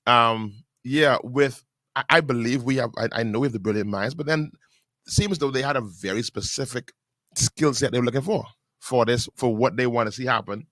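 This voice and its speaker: A man, a pastor hosting a radio talk show, chatting casually, laughing often and reading documents aloud in halting bursts. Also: mid-range voice, a bit bright, no echo, studio quality. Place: radio studio. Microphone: studio microphone.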